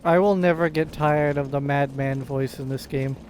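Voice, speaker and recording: A man's voice: medium pitch, steady tone, normal speed, a little mellow, slight background noise. A man giving casual gameplay commentary with dry, teasing banter. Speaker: gamer playing and commenting.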